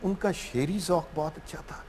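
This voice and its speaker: A man with a Pakistani Urdu accent hosting a TV talk show, telling anecdotes in an animated way. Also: on the high side, normal speed, big-room sound, a little hiss or hum. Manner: animated storytelling, acts out anecdotes. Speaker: host.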